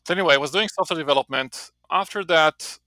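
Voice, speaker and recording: In a casual interview from his home office, a forties-aged marketing professor with an Israeli accent talks fast in a voice on the high side, pushed and bright. He's a guest who rambles and restarts repeatedly. No echo is audible.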